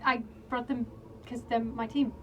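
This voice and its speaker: A woman's voice: fairly high pitch, level tone, normal speed, a bit bright. A woman chatting casually as a player in a tabletop game. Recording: faintly noisy room, distant mic.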